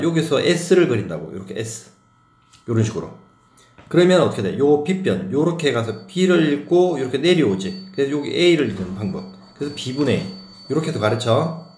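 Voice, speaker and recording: A man teaching math in a classroom-lecture style. His voice sits a bit high and swings up and down a lot. He keeps asking his students questions and checks that they follow, and his voice rings around a roomy space. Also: darkish tone. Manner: questions the students, often asks if they got it.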